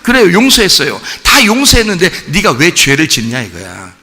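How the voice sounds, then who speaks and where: A male pastor preaching a sermon, swinging between loud, high exhortation and quiet, low scolding, and asking the congregation questions that he answers himself. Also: huge pitch swings, normal speed. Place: church sanctuary. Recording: long reverb of a church hall.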